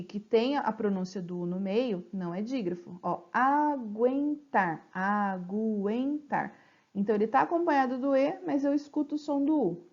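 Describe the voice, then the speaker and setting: A woman teacher giving a slide-based grammar lesson, explaining patiently and stretching example words out slowly. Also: on the high side, warm tone, highs cut off. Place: home.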